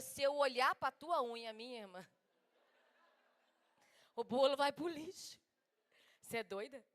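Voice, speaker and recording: Bright, high-voiced Brazilian woman preacher. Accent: Brazilian Portuguese. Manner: animated, swings from loud exclamations to soft asides. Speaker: preacher at a women's conference. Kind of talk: humorous sermon.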